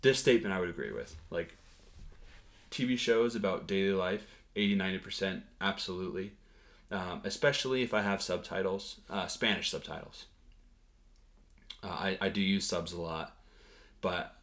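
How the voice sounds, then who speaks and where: This relaxed vlog update on language learning comes from a deep-voiced man speaking low. He's hesitant throughout, leaning on "um" and "like" and starting sentences over while he works out his thoughts.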